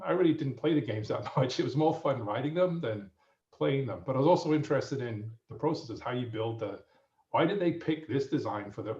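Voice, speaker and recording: English man telling stories in an echoey room. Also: medium pitch. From England. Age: 50s. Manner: relaxed, rambling, frequent fillers. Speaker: guest professor. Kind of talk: casual storytelling. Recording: muffled, roomy audio from a distance.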